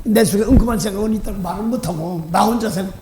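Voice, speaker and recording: A man's voice: high-pitched, rapid-fire, echoey room, noisy background. A middle-aged male pastor preaching a dawn service sermon, telling a personal story with acted-out voices and frequent laughs. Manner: animated storytelling, acting out voices; self-deprecating, laughs often. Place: church sanctuary.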